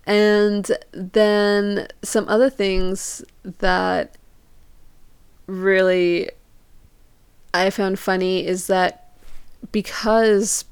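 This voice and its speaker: A young woman with a smooth mid-range voice speaks in a level tone, drawing out words and pausing often, on a dry recording. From Portugal and England, she recounts personal stories informally, full of "like" and acted-out quoted questions.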